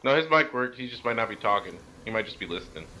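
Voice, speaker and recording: A man bantering with friends in casual chat, with a bright, tense tone and a pitch that swings widely. He teases, then drops into quiet mumbles, with faint noise behind. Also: lively intonation, quick pace, poor audio. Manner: teasing, trails off into mumbles.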